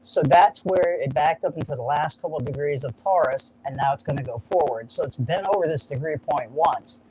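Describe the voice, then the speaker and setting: A woman's voice: low voice, brisk, warm tone, slight background noise, low-quality recording. A woman guest explaining astrology in a casual conversation, hesitant and restarting her words as she thinks aloud.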